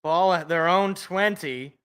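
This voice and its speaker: Bright-voiced man calling football, reactive. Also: sits high, slow, clear, resonant tone. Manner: reactive, swinging between excited calls and muttered asides. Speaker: live reaction host commentating on football. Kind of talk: play-by-play commentary with casual reactions.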